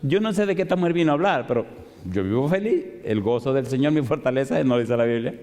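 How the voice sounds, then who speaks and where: Male pastor, sermon, mellow voice, animated, rhetorical questions, long hall echo. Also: mid-range voice, quick pace. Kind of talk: sermon storytelling. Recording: long reverb of a large hall.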